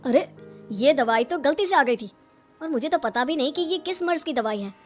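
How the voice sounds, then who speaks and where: A woman's voice: high-pitched, animated, normal speed, faint music behind. A woman voicing a trusting middle-aged father in a cartoon, speaking reassuringly. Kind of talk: cartoon voice acting.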